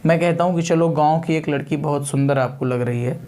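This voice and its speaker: Speaking fairly quickly with a darkish tone on the high side, this physics teacher coaches students for exams using everyday examples. He keeps repeating key terms, asks rhetorical questions and drops English technical vocabulary into the lecture.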